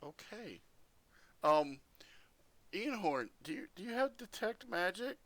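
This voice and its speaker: A man playing in a tabletop game, excitable and jokey, swearing freely at his friends. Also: high voice, measured pace. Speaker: player.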